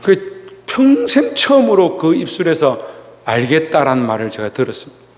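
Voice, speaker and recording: A male pastor giving a Sunday sermon, telling a personal story slowly with many pauses and restarts. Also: fairly high pitch, wildly swooping pitch, in a large hall. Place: church sanctuary.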